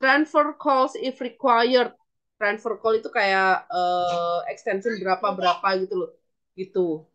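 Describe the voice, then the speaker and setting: A woman's voice: mid-range voice, a little slow, a bit bright. A woman lecturer teaching a class, switching between English and Indonesian and acting out phone calls. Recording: dull lo-fi classroom recording.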